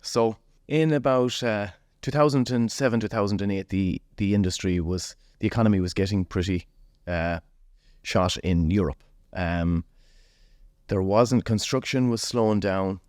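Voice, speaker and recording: A man's voice: on the low side, moderate pace, darkish tone, no echo, clean studio sound. A man of forty with a West of Ireland accent, telling his story casually as an interview guest. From Galway, west of Ireland.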